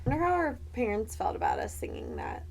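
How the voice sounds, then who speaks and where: A woman with a slightly high voice and a lot of creak co-hosts a podcast. She chats casually, reacting to the story in informal, everyday phrasing. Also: wildly swooping pitch, fast talker. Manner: informal, peppered with "like". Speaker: podcast co-host.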